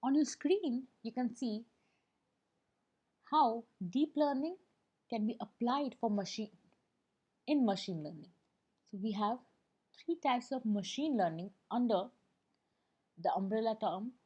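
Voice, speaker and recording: A woman presenting an explainer lesson as scripted narration, in a steady, read-aloud delivery. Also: fairly high pitch, unhurried, pauses often, slightly rough, muffled recording.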